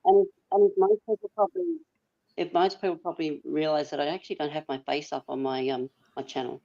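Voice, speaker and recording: A woman's voice: deep voice, fairly even intonation, fast talker, creaky, warm tone, muffled recording. An Australian woman joining a live-stream chat as a guest, apologetic and a bit unsure. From Sydney.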